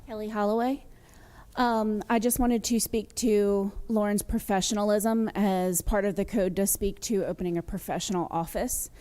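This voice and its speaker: A woman speaking at a public hearing as a social work supervisor, composed and supportive, with occasional "um"s. Her voice is warm and mellow, at a middle pitch for a woman. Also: steady tone, normal speed. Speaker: social worker supervisor testifying. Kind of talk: public testimony.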